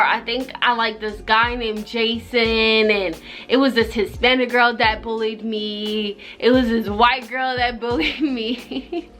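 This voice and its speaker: A young woman from Jamaica talks in a fairly high voice, telling a story casually to the camera. She rambles conversationally, dropping in plenty of filler "like" as she goes. Faint music plays behind her. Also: bright, forceful tone. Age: young adult. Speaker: vlogger. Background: background music.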